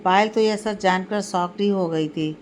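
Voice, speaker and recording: A woman storyteller at an ordinary pitch, reading out an emotional family story in steady, measured scripted narration. A faint hiss sits underneath her voice.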